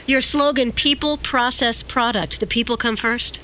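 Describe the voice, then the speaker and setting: A woman with a fairly high voice hosts a radio interview. She is effusive and lavishes praise on her guest between questions. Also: moderate pace, sharp tone. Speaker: radio show host.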